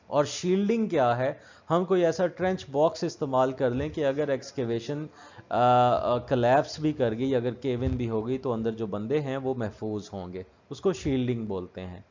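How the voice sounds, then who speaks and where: A man's voice: medium pitch, a little mellow, muffled recording. Man explaining safety rules, repeating points. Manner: mixes English technical terms into explanation, repeats key points. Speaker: safety instructor. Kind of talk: explanatory lecture.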